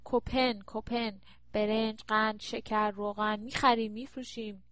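A woman's voice: fairly high pitch, little pitch movement, a bit bright, dry recording, close to an everyday voice. A woman narrator voicing a young male street peddler who mutters his offers in an audiobook. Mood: muttering. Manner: muttering, cheeky.

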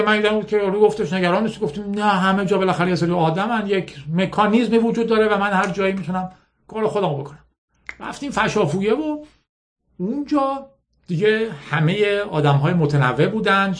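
A man from Iran tells personal stories and reads aloud, frank and conversational. His voice sits a little high for a man. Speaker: storyteller. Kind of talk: casual personal storytelling and reading aloud.

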